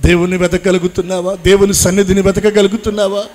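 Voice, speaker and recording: A man's voice: high voice, little pitch movement, quick pace, a little mellow. A man preaching as a pastor, leading an emotional prayer with pleading, repeated lines that swell and fall. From Andhra Pradesh, India. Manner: pleading, repetitive, rising and falling in intensity.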